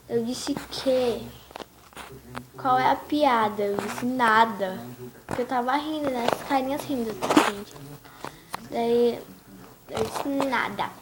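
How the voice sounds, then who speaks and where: A young girl, chatting slowly and giggling as she reads chat messages aloud for her video channel. Her voice sits fairly high, and clear background noise runs through the home recording. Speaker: YouTuber. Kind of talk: casual vlog narration.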